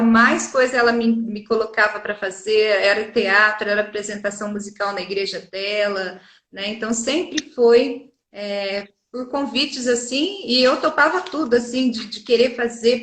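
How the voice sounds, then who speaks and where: A woman's voice: on the high side, a bit bright. A woman teacher with a Brazilian Portuguese accent, answering interview questions earnestly and explaining through many examples and tag questions. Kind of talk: interview conversation. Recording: echoey room.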